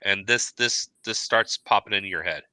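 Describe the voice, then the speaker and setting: A man's voice: on the low side, moderate pace, bright, forceful tone, smooth, dry recording. A man running a tabletop role-playing game, setting scenes like a camera panning and often repeating words as he goes. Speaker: game master.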